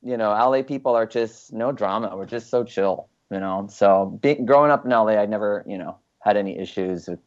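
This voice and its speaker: A young actor from Los Angeles chats as an interview guest, relaxed and rambling, with plenty of ums and you-knows. His voice is fairly low and brisk with few pauses, and the recording sounds dull and lo-fi.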